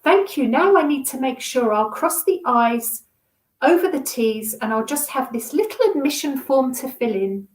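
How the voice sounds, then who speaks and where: A woman's voice: high-pitched, expressive, normal speed. Woman doing a flustered posh young doctor. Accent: posh English. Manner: flustered, apologetic, sing-song. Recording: roomy echo.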